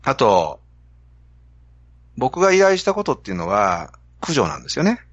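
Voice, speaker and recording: A man's voice: mid-range voice, wildly swooping pitch, moderate pace, no room sound, muffled recording. A man with a Kansai accent, hosting a podcast and telling a story to explain a business idea. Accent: Kansai Japanese. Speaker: podcast host. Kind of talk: casual podcast talk.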